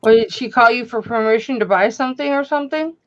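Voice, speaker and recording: Woman guest, teasing chat, high lively voice, dull online sound. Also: fast talker, slight background noise. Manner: teasing, laughs often. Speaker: guest on a reseller live stream. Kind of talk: casual joking chat.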